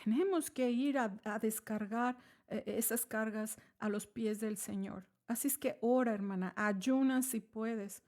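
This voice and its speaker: A woman's voice: a little high, unhurried, darkish tone. A woman giving a devotional talk to other women, earnest and pleading, often calling her listener sister. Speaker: women's ministry speaker. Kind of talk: devotional teaching.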